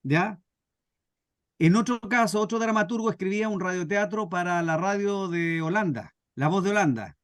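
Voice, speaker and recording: A man with a Chilean accent teaches a scriptwriting workshop informally, acting out anecdotes and repeating phrases for emphasis. His voice sits high and moves at a normal speed. The recording is dry, with clean studio sound.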